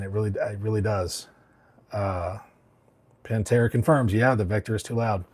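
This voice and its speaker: Husky laid-back man. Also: on the low side, a bit bright. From Alabama. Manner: rambling, laid-back, many fillers and restarts. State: under the weather, coughing. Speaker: barber hosting a livestream. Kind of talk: casual livestream chat reading comments.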